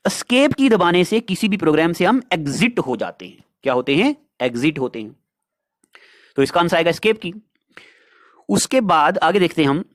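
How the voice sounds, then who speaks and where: Chatty male teacher with a high voice. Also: sing-song, normal speed, no room sound, clean studio sound. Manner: chatty, addresses students as dear children, asks and answers own questions. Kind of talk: exam prep lecture.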